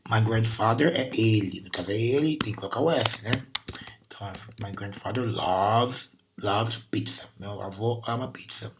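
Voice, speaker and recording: Low-voiced Brazilian man explaining patiently. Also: background noise. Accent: Brazilian Portuguese. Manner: patient, repeats sounds and words slowly to demonstrate. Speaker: English teacher. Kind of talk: recorded class lesson.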